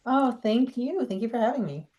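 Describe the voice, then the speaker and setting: A woman's voice: a little high, lively intonation, normal speed, mellow, muffled recording. A woman from the Boston area with a faint Boston accent, talking candidly and chattily as an author guest in a podcast interview. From Boston area, USA. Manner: candid, chatty, with fillers and restarts.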